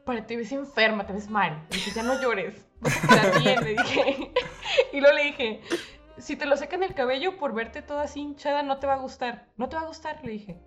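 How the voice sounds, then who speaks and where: Young Mexican woman, high-voiced, animated storyteller, casual podcast chat. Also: normal speed, faint music behind. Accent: Mexican Spanish. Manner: animated storytelling with slang and English mixed in.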